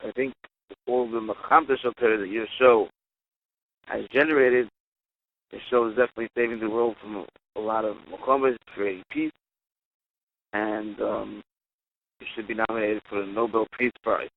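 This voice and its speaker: A man's voice: lowish voice, steady tone, moderate pace, vocal fry, long pauses, a little hiss or hum. A man leaving an earnest voicemail message for a radio show, mixing Hebrew and Aramaic terms into his English. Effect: played voicemail message. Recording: tinny phone-line voicemail.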